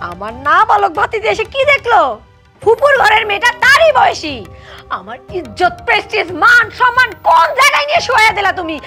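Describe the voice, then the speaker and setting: A scolding, sarcastic young wife; high, bright, animated delivery. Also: female voice, full character voice. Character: shrill, indignant young second wife. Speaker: young wife of an older man. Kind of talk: television drama acting.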